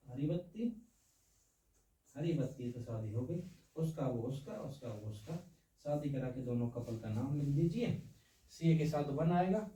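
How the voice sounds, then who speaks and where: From far off in an echoey room comes a man's fairly high, mellow voice as he teaches science. He explains with playful, down-to-home analogies and regularly checks that students follow along.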